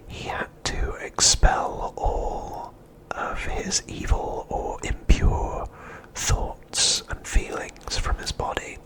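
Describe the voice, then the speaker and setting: This is a rough recording of a man acting as an ASMR host, deliberately narrating an episode recap in a hushed, unvoiced, breathy whisper.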